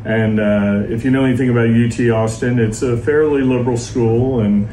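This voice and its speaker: A man from Dallas, Texas, a pastor telling his life story in an interview with measured, steady storytelling. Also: medium pitch. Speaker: pastor, guest. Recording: echoey, distant mic, faint noise.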